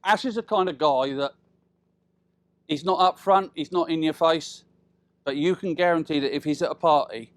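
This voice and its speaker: A British man in middle age speaks in a notably high register. He is giving an informal father-of-the-bride speech, chatting and teasing, leaving pauses and tacking questions onto his remarks. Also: dry recording. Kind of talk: informal humorous wedding speech.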